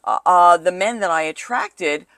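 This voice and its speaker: A middle-aged woman dating coach in a casual co-hosted chat, talkative and quick to laugh. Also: fairly low pitch, no echo. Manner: animated, talkative, laughs easily.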